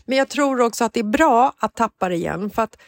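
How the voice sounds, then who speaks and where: A woman's voice: a little high, animated, gravelly, no echo, studio quality. A woman co-hosting a casual podcast, chatty and agreeable, thinking aloud as she talks. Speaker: podcast co-host. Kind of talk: casual chat.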